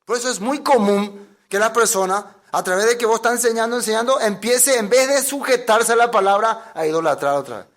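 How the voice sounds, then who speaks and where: High-voiced man preaching a sermon. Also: fairly quick, fairly bright tone. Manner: emphatic, asks the listeners rhetorical questions; acts out quoted voices. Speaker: pastor.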